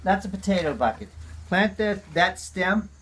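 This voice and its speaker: A man's voice: sits high, lively intonation, measured pace, a bit bright, breathy edge. A man giving a casual, hands-on gardening demonstration, talking in a chatty, folksy way with lots of ums and uhs. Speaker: gardening teacher.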